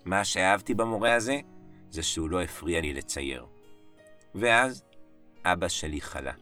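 Lively low-voiced man telling a story. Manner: dramatic pauses, short broken phrases. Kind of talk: first-person story narration. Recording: dry voice set back from the mic, soft music bed. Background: soft piano music.

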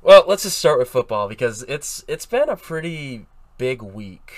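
A man's voice: mid-range voice, big pitch swings, moderate pace, dry recording, clean studio sound. Young man from Massachusetts, rambling sports talk. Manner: rambling, many fillers and restarts. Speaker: podcast host. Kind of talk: casual sports chat.

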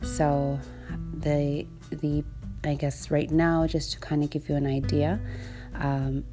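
A woman's voice: sits low, flat delivery, takes it slowly, over music. A woman from Nunavut with an Inuit accent, a native Inuktitut speaker, hosting an informal podcast in a hesitant, thinking-aloud manner. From Iqaluit, Nunavut, Canada. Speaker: podcast host. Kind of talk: informal solo podcast introduction.

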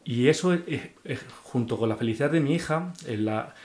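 An interviewed man shares a heartfelt, emotional testimony about his faith, stumbling into restarts and repeating himself often. He has a medium-pitched, somewhat dark voice with lively intonation and a normal speed.

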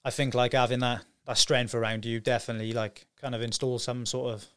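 A man's voice: medium pitch, flat delivery, a little fast, a bit bright, smooth. A man hosting a podcast interview, matey and casual, swearing now and then. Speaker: podcast host.

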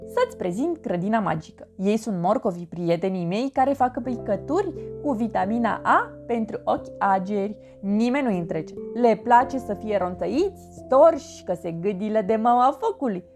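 A woman voicing a talkative, know-it-all apple in a storybook, boastful and rapid. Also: mid-range voice, lively intonation, natural voice. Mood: chatty. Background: background music.

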